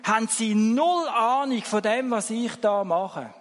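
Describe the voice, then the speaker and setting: A man's voice: high-pitched, measured pace, long reverb tail, voice pushed up. A man voicing a shrewd shepherd in a joke, listing his points in a dry manner. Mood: triumphant.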